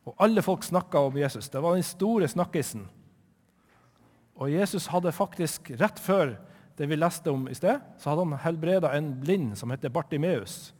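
Man from northern norway, children's sermon, chatty storyteller, fairly high voice, long church reverb. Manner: lively, chatty, asks the listeners questions. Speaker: preacher telling a Bible story.

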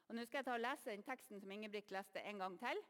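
Woman preaching with a lively storytelling manner. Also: medium pitch, long reverb tail. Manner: lively storytelling, acts out voices. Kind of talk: sermon.

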